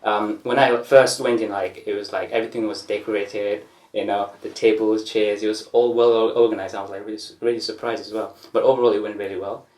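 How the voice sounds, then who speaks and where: A man's voice: on the low side, flat delivery, fairly quick, a little mellow. A man hosting a casual interview, friendly and hesitant with many fillers. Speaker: host. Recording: roomy, distant mic.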